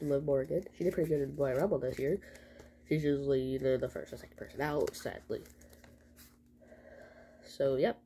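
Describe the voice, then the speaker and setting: A young woman with a low, mellow voice recaps a wrestling show for her vlog. She rambles and gets excitable, tossing in slang as she goes, and the room has a faint hiss. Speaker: vlogger. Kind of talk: casual wrestling event recap.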